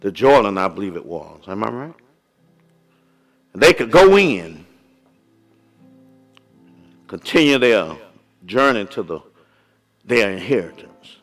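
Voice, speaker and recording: A man's voice: lowish voice, very animated, soft background music. A man preaching a sermon as pastor of a church, calling out and drawing out his words. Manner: preaching with rising calls and drawn-out words.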